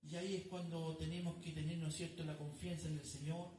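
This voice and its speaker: A man's voice: a little high, level tone, brisk, background noise. A man preaching a sermon as pastor, telling a story and calling his listeners "brother". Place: church. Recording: echoey room, distant mic.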